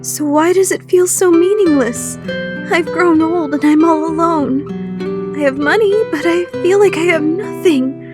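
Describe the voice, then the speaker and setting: A woman's voice: very high-pitched, unhurried, music in the background. A woman playing a refined, proud, secretly lovestruck teenage girl in an anime fandub radio play. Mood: flat, melancholy.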